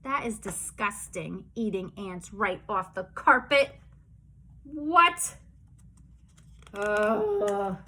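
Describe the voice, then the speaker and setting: A woman's voice: medium pitch, lively intonation, drawn-out words, pauses often, sharp tone. A woman preschool teacher reading a storybook aloud to young children, with playful, mock-outraged protests.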